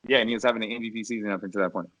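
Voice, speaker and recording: A man's voice: lowish voice, fairly even intonation, rapid-fire, fairly bright tone, no echo. A man co-hosting a casual sports podcast who sticks bluntly and confidently to his opinions. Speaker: podcast co-host.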